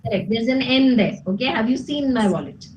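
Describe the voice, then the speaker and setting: A woman's voice: on the high side, fairly quick, highs cut off, crowd noise. A woman with an Indian English accent, teaching a grammar class and checking understanding with frequent "okay?" and "isn't it?". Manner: explains patiently, asks "okay?" and "isn't it?" often.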